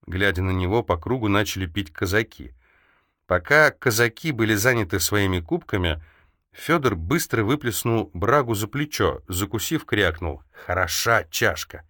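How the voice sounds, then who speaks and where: Narrator: man, low voice, dry close recording, measured audiobook reading. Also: lively intonation, fairly bright tone, no room sound.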